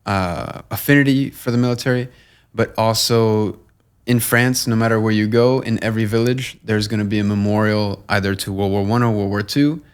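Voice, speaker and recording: A young man from Long Island, New York, with a low, smooth, resonant voice, appears as a guest on a podcast-style conversational interview as a nonprofit co-founder. He speaks earnestly and in a measured, even way, often using "uh" and "you know" and sometimes restarting his sentences.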